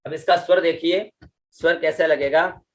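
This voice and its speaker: A middle-aged man teaching Vedic chanting, drawing out each syllable and patiently repeating checks to his class. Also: steady tone. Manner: slow, drawn-out chanting of mantra syllables with pitch-accent explanations; patient, repeats "ठीक है" and "है ना" often. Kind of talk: online class lesson.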